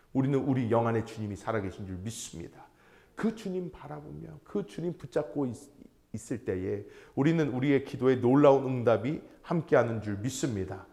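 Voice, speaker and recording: A middle-aged man preaching a sermon in church, telling stories and acting out voices, swinging from hushed to loud. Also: fairly high pitch. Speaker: pastor. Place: church sanctuary.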